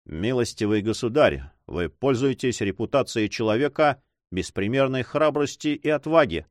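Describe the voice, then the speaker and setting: Guy narrator doing a gloomy young man, slow and calm, set on a duel, dry close mic. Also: medium pitch, no echo, lightly acted. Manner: slow, gloomy, calmly resolute. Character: grim young man issuing a duel challenge.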